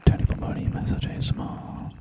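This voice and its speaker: A man's voice: quick pace, heavy background noise. A man whispering casually and reassuringly as an ASMR live streamer, chatting unhurriedly with his viewers.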